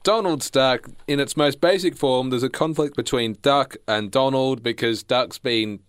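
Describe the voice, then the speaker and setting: A man's voice: medium pitch, measured pace, clear, resonant tone, no echo, clean studio sound. A young man co-hosting a podcast, chatting casually, laughing often and tripping over his words. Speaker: podcast co-host. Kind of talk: casual chat.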